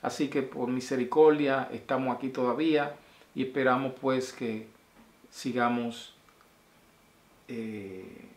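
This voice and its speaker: A man's voice: medium pitch, steady tone, slow pace, long pauses. A man, talking casually and affectionately to his viewers in a video message, rambling and sending blessings from a small room at home. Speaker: vlogger. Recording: roomy echo.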